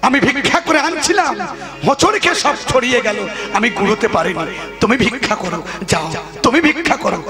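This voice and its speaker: A man's voice: extremely high pitch, expressive, brisk, loud music behind the voice. A man voicing a poor, ashamed husband who wearily tells his wife what to do. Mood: weary.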